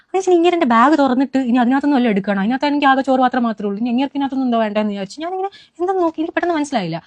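Young woman, fast and animated first-person account, bit high, dry close sound. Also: dry recording. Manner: animated retelling with frequent restarts and fillers. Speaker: interviewee.

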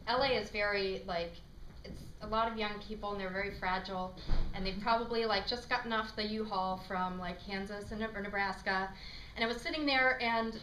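A woman's voice: mid-range voice, bright, forceful tone. A woman improv performer telling a chatty comic monologue with many ums, on a small theater stage. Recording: echoey stage from far off, faint noise.

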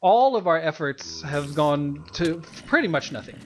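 A man's voice: fairly high pitch, expressive, a little slow, slight background noise. A man co-hosting a Let's Play, chatting casually in a rambling, self-mocking way and laughing often. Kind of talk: casual gameplay chat.

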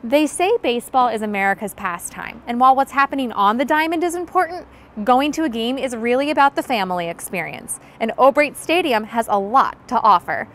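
A woman's voice: fairly high pitch, animated, a little fast, fairly bright tone. A young woman reporter giving upbeat scripted narration beside a ballfield.

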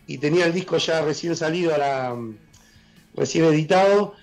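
A middle-aged Argentine man with a worn, husky voice, a blues musician talking enthusiastically on a casual radio interview over a video call. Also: a little high, darkish tone, soft background music, poor audio. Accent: Argentine Spanish. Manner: enthusiastic, halting with fillers. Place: room at home, joining by video call.

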